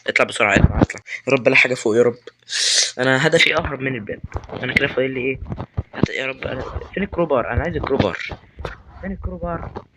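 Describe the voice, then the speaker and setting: A young man with an Egyptian Arabic accent, giving loud, excitable commentary on a horror game and yelling at its characters. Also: medium pitch, very fast, very noisy. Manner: excitable, talks to game characters and swears at them. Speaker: gamer.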